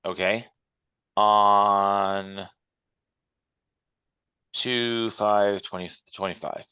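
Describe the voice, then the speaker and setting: A man's voice: fairly low pitch, fairly even intonation, very slow, pushed and bright, clean tone, no room sound. A man teaching an online class over a conference call, walking through examples step by step. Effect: heard over a conference call. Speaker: instructor. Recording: muffled, dry call audio.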